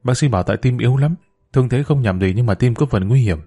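A man's voice: mid-range voice, fast talker, warm tone, slightly rough, soft background music. A man voicing a stern younger brother-in-law who speaks seriously. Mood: firm. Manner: firm, serious.

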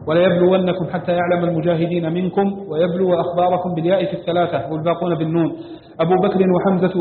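A man reading a classical text aloud at speed, in an even and steady recitation. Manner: fast, even reading with little pitch movement. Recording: echoey hall on a tinny, hissy line.

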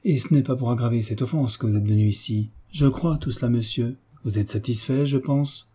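A man's voice: medium pitch, brisk, dark tone, husky, natural voice. A man voicing a proud, indignant young woman in an audiobook. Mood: cold.

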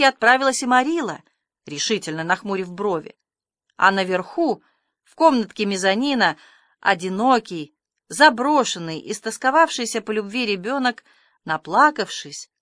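A woman narrating an audiobook of a classic novel in a measured, expressive storytelling manner. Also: mid-range voice, no echo, clean studio sound. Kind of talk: scripted narration.

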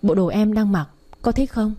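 Curt, cold young master, short orders, mellow husky tone , read by a woman. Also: medium pitch, moderate pace, lightly acted. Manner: cold, clipped commands.

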